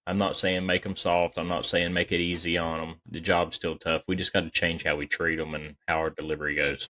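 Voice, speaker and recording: A man's voice: low voice, level tone, fairly quick, sharp tone. A man who is a firefighter, a guest on a podcast, speaking earnestly like a mentor in casual conversation.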